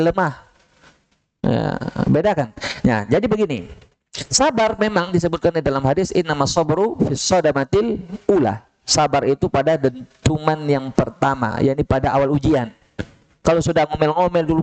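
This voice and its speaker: Emphatic male preacher, fairly high voice. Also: darkish tone, poor audio. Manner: emphatic, rising pitch when making points, rhetorical questions; quotes Arabic sayings and acts out short dialogues. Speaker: Islamic preacher. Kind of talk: mosque study-session lecture with Q&A. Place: mosque.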